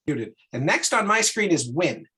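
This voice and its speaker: A man informally moderating an online meeting, giving polite instructions in a halting way. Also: fairly high pitch, big pitch swings, pushed and bright.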